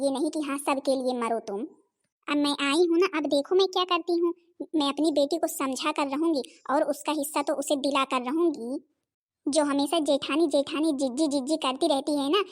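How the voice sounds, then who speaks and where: A woman's voice: high voice, close to an everyday voice. Woman doing a scheming, sneering mother-in-law type. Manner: scolding, sneering, scheming asides. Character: scheming older woman, meddling mother of the bride. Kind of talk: Hindi cartoon voice acting.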